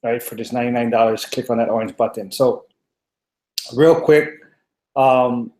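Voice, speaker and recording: Man, 40s, from Hawaii, earnest webinar testimonial, middle pitch, echoey home-office sound. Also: moderate pace, darkish tone. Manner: earnest, many fillers and restarts. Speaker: panel guest.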